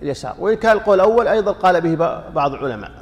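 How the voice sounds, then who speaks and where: A man's voice: high-pitched, lively intonation, rapid-fire, in a large hall. A man teaching a religious lesson, explaining a text and quizzing listeners with rhetorical questions, sometimes chanting sample lines to demonstrate. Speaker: sheikh teaching a fiqh lesson.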